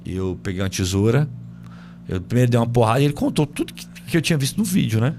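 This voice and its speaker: Male podcast host, middle pitch, casual storyteller who voices his family's lines, music under. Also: animated, fast talker, a little mellow. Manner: conversational, many fillers, acts out family dialogue. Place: home podcast studio.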